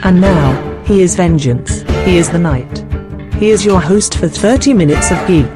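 A woman's voice: lowish voice, animated, normal speed. A woman reading a scripted show introduction as the announcer, with music behind her.

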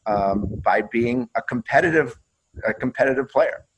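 A man's voice: medium pitch, moderate pace, husky, rough recording. A man who played pro hockey, telling stories in a casual interview and swearing freely, often repeating and restarting his words.

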